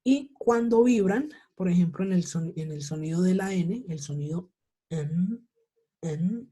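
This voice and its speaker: Teaching English to students on a video call, a woman keeps checking in with repeated questions about whether they understand, patient throughout. She speaks at a moderate pace in a fairly low, warm voice that's slightly rough.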